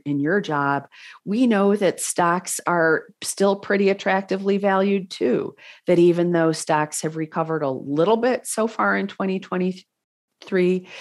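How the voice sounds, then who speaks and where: A woman with a low-pitched voice speaks as an expert guest. She explains her reasoning in a measured, conversational interview style. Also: a little mellow.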